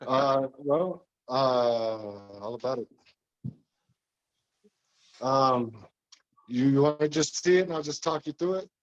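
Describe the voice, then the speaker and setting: A man with a slightly hoarse voice, talking casually and haltingly as a tile installer walking someone through his work. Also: medium pitch, muffled recording. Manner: hesitant, halting. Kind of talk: casual informal walkthrough talk.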